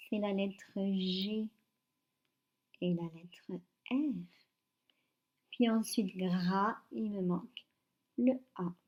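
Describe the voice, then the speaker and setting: A woman with a French accent teaching young children to read, dictating syllables slowly and patiently with careful articulation. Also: fairly high pitch, darkish tone. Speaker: first-grade reading teacher.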